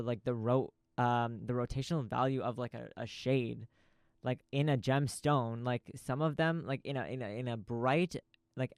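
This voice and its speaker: A man's voice: medium pitch, clear, resonant tone, dry recording. A man hosting a podcast in a small recording studio, rambling through a profane, stream-of-consciousness info dump. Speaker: podcast host. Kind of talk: casual rambling monologue.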